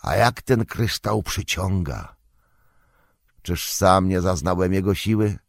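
A man voicing a wise, stern old male wizard in an audiobook, explaining at length in a measured, grave way. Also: low-pitched, gravelly, no room sound, studio quality, full character voice. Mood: musing. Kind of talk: audiobook character reading.

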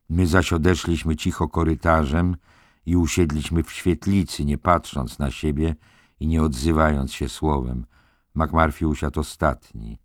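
A man reading a novel aloud as a first-person audiobook narrator, measured and even. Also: very deep voice, no echo, studio quality.

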